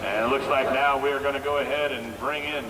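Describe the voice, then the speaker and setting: A man's voice: medium pitch, fairly even intonation, brisk. Male tractor pull announcer, live PA calling, distant outdoor recording, long reverb, folksy phrasing. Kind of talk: live event announcing over PA, drawn-out names and results. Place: outdoor fairground track. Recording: echoey outdoor PA, distant, loud engine noise. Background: loud vehicle and outdoor noise.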